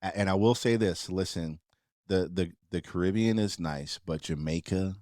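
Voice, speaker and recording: A man hosting a podcast, asking questions in a relaxed, playful way and chatting about travel. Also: sits low, moderate pace, no echo, studio quality. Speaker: podcast host. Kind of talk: casual chat.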